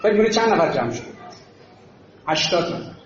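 A man giving an impassioned sermon that mixes stories with shouted refrains and drops to low, quiet asides. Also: very animated, slight background noise. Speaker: religious political speaker. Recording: very echoey, muffled hall recording.

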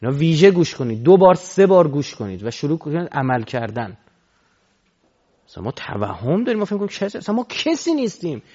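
A male preacher delivers a sermon into a microphone, his voice leaping between forceful calls and hushed, low asides. His pitch rides high and swoops widely as he presses each point. The recording is dull and lo-fi. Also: husky. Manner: animated, swinging between loud exhortation and low murmurs. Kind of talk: religious sermon.

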